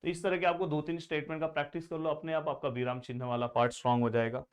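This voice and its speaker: A man tutoring students in grammar with a smooth, resonant voice that sits a bit high for a man. He talks in a friendly, chatty way, calls the class friends, and voices students' questions before he answers them himself. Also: fairly even intonation, racing. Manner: answers his own imagined student questions. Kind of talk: exam-prep lesson.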